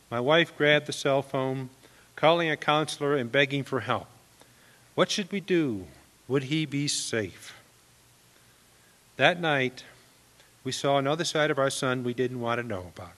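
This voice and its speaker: A man performing a personal monologue as a father, in a grave, measured way. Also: medium pitch, a bit bright. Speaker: father giving a stage monologue. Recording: reverberant hall.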